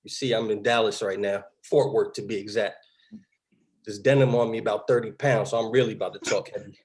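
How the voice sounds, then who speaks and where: Confident low-voiced male guest. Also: fairly even intonation, brisk, darkish tone, slightly rough. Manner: confident, boastful. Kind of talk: playful press-conference talk.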